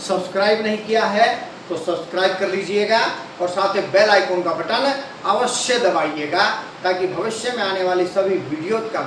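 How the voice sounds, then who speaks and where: A man's voice: high voice, fairly bright tone, a little hiss or hum. A male teacher and channel host who opens the lesson by speaking directly to his students. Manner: friendly, addresses students directly. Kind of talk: lesson introduction. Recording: very echoey room, voice far from mic.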